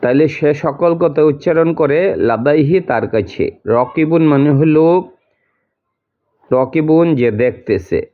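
A man's voice: mid-range voice, gravelly. Man teaching word by word, tinny sound. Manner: repeats each word and its meaning slowly, step by step. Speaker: Quran translation teacher. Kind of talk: word-by-word translation lesson. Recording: tinny phone-like audio.

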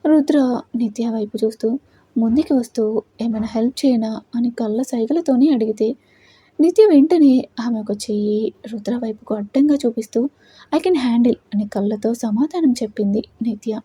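A woman narrating an audio love story in a steady, dramatic storytelling manner. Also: fairly high pitch, normal speed, slightly rough, no room sound.

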